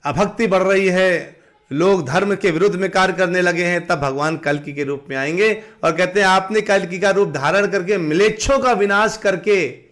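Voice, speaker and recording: A man giving a live-streamed devotional talk, asking the audience questions and answering them himself, sometimes breaking into slow sung chanting. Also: high-pitched, fairly bright tone. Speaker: devotional teacher.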